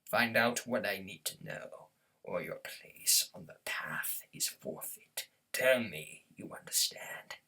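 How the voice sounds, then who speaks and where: A man voicing a thunderous, wrathful alien prophet from a video game, pompous and zealous, with a husky, gravelly, breathy voice and grand, solemn oratory. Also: on the low side, slow pace, bright, forceful tone, recorded from a distance, exaggerated voice, poor audio. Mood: wrathful, menacing. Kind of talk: theatrical game villain impression, grand speeches.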